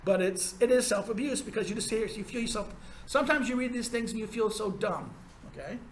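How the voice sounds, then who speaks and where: A man's voice: sits high, expressive, brisk, echoey room, a little hiss or hum. A male university lecturer giving a rambling, sardonic classroom lecture with frequent restarts.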